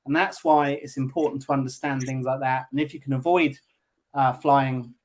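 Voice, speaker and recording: A man's voice: medium pitch, steady tone, normal speed, a little mellow. A man on a panel explaining things casually and earnestly, working through facts and figures.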